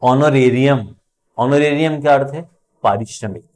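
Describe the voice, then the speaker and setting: A man teaching an English grammar lesson, slowly drawing out each example word as he explains it. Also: mid-range voice, darkish tone. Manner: slow, drawn-out spelling of example words.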